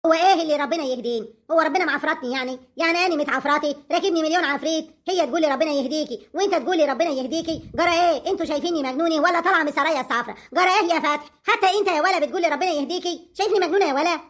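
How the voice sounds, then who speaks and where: A woman's voice: sits high, very fast. A woman with an Egyptian accent playing a scheming, hot-tempered peasant mother-in-law who talks sharply and indignantly.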